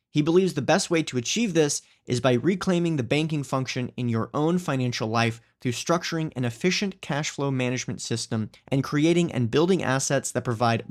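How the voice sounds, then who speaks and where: A man hosting a podcast, introducing the episode and guest earnestly, often saying "you know". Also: mid-range voice. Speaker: podcast host.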